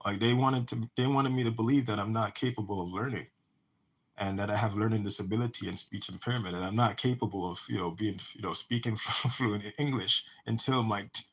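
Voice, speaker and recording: A man's voice: fairly low pitch, fairly quick, slightly rough. A man who talks about his own life in a rambling monologue, often restarting and repeating words. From United States. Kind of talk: personal monologue.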